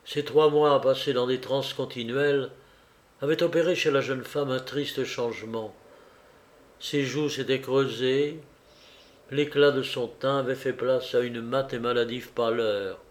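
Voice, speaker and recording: A man narrating a classic novel in a measured, steady reading voice. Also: medium pitch. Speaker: audiobook narrator.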